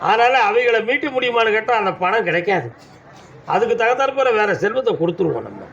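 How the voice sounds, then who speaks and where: A trance oracle from Tamil Nadu, this man uses a southern Tamil accent to speak as a village temple's deity, giving devotees commanding, scolding answers. His voice is high and sing-song, a bit bright with vocal fry, and fairly quick. Faint background noise runs under dull audio.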